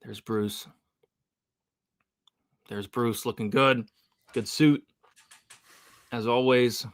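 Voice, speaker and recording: A man's voice: mid-range voice, fairly even intonation, drawn-out words, clear, resonant tone, no echo, clean studio sound. A man hosting a live fight watch-along, chatty and hyped, reading the chat aloud. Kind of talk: casual live-stream chat.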